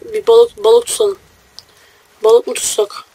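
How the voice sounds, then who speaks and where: A young man giving casual, joking let's-play commentary, brash and quick to swear at enemies while talking to his viewers. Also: extremely high pitch, little pitch movement, mellow, slightly rough, no room sound. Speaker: gamer.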